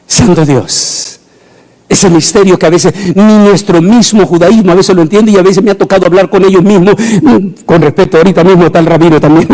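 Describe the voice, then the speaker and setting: A middle-aged man, preaching a sermon emphatically and rising into shouted proclamations. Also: sits high.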